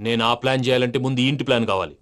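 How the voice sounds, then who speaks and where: A man's voice: mid-range voice, rapid-fire, a bit bright, natural voice. An actor playing a self-satisfied, chattering sidekick who drops English words into his talk. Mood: smug. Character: boastful bumbling sidekick, pleased with himself. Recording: film scene with score behind.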